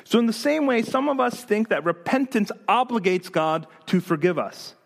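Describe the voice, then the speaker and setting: A male pastor preaching a sermon in an animated, emphatic way, acting out the voices of the people he quotes. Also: high-pitched, normal speed, creaky.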